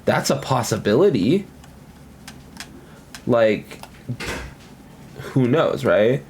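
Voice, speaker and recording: A man's voice: medium pitch, sing-song, very slow, darkish tone, a little hiss or hum. A man casually commenting on his gameplay at home, rambling and thinking aloud with lots of fillers. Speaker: gaming commentator.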